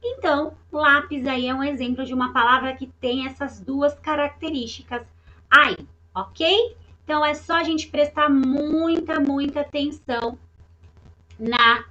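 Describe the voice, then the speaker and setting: A woman's voice: high-pitched, a little slow, bright, forceful tone, dull audio. A woman teaching a recorded online lesson to young children, patient and repetitive, often checking that they follow. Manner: patient, repeats words and checks understanding. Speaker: primary school teacher.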